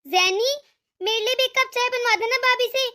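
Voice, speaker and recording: A woman's voice: very high voice, moderate pace, bright, forceful tone. A woman voicing a spoiled, haughty young daughter-in-law in a cartoon story, sassy and dismissive.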